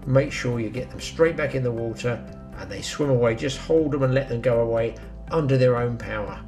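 An older English man hosts a fishing show, giving practical, chatty tips straight to viewers beside a pond outdoors. His mid-range voice is fairly quick with a darkish tone, picked up on a camera mic, some lines from further away, while music plays clearly underneath.

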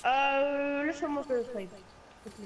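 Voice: high voice, unhurried. A young gamer bantering and teasing in French suburban street slang over a poor game-chat microphone. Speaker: video game player. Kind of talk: casual gaming banter. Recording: noisy poor voice-chat microphone, voices behind.

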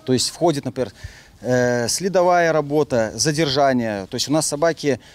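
A man's voice: mid-range voice, normal speed. A man, a dog handler, answering an interview, listing commands with some hesitation.

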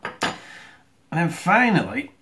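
A man casually demonstrating and tasting a snack, talking while chewing with his mouth full and often pausing with hesitant fillers. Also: sits high, wildly swooping pitch, pushed and bright. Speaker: video host. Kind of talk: casual food tasting demo.

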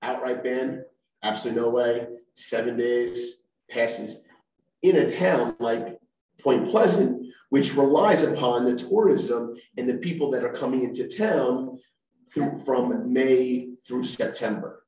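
Council member, 40s man, measured and methodical, desk mic heard from a distance. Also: mid-range voice, mellow. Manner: measured, argues legal points. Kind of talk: council meeting discussion. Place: council chamber. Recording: roomy echo, mic set back.

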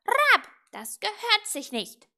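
A woman voicing a stern male raven who scolds his witch companion and croaks between his words in a storybook reading. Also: very high voice, wildly swooping pitch, slow, sharp tone, voice pushed up, heavily acted. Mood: scolding.

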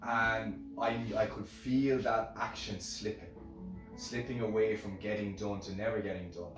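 A middle-aged man with an Irish accent, an instrument maker, rambles casually through a motivational talk to camera about what he's learnt, repeating phrases for emphasis. He speaks in an unhurried, low-ish voice with fairly even intonation. Music plays, and the distant camera mic picks up the heavy echo of his hard-surfaced indoor workshop.

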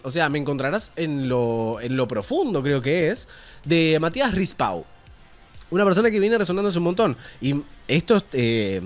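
A man with an Argentine Spanish accent hosting a casual news commentary show, opinionated and profane. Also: on the high side. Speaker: show host.

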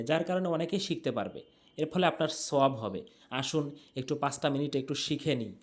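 A man from Bangladesh teaching how to pronounce the Quran, spelling out letters slowly and repeating words in drawn-out recitation. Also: on the high side, darkish tone. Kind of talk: explaining Arabic pronunciation rules.

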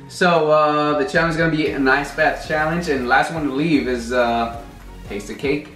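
A man's voice: on the high side, fairly even intonation, normal speed, fairly bright tone. A man in his twenties chatting casually as he co-hosts a vlog challenge. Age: 20s. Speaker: YouTube vlog host. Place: hotel bedroom and tiled bathroom. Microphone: camera mic a few meters away. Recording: echoey room, distant camera mic, music.

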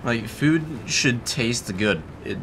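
A man's voice: medium pitch, expressive, takes it slowly, fairly bright tone, slight background noise. A young man giving casual, dry and wry commentary over his own gameplay, laughing now and then. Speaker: gaming YouTuber.

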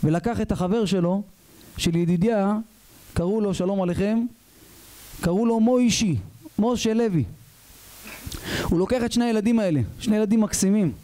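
A man's voice: high-pitched, pauses often, mellow, poor audio. A man, a rabbi, giving an emotional sermon, telling a story, acting out its dialogue and asking the audience questions. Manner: addresses audience with repeated questions, acts out dialogue.

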